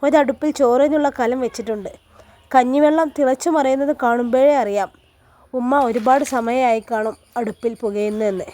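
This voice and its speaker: A woman narrating a story in a calm, measured way, with a Malappuram Malayalam accent. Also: on the high side.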